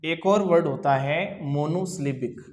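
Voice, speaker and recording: A man gives a classroom lecture, repeating each definition slowly and putting questions to the class before answering them himself. He talks at an unhurried pace, and the room around him is roomy and echoey. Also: on the high side, a little mellow. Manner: repeats key phrases slowly, asks and answers own questions. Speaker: coaching teacher. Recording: roomy echo.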